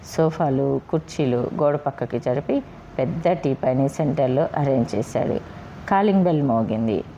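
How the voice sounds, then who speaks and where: A woman narrating a story in a steady, expressive storytelling manner. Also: a bass voice, moderate pace, dull audio, slight background noise.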